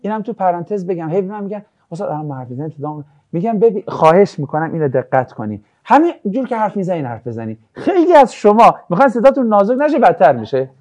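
A man's voice: sits high, few pauses. A man teaching a religious ethics class, lecturing casually and acting out anecdotes with jokes. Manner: lively, jokey, acts out anecdotes.

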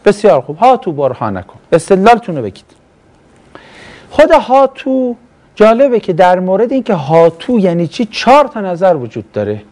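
A man teaching in a classroom, his voice sitting fairly high and mellow. He swings his pitch widely as he quizzes the students and then answers his own questions. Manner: animated, asks the class questions and answers them himself. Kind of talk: classroom lesson on Quranic Arabic grammar.

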